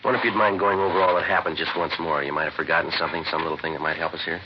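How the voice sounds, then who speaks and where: Joe Friday, deadpan detective played by a man. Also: sits low, rapid-fire, natural voice. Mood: patient. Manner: clipped, deadpan, matter-of-fact. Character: terse male police detective sergeant. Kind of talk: 1950s radio crime drama acting. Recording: hissy, muffled old radio recording.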